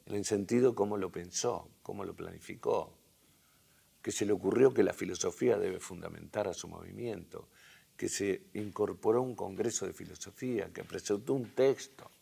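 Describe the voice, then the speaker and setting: Man, Argentine accent, hoarse, gravelly, lecturing, halting restarts, low voice. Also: warm tone. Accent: Argentine Spanish. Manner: thinking aloud with tag questions. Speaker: university lecturer. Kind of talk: lecture to a class.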